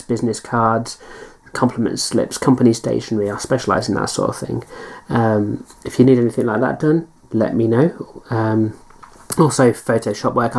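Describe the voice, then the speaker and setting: A woman's voice: rumbling low, warm tone. A woman chatting casually as a hobby vlogger, answering viewer questions in a hesitant, self-deprecating way. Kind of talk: casual Q&A chat.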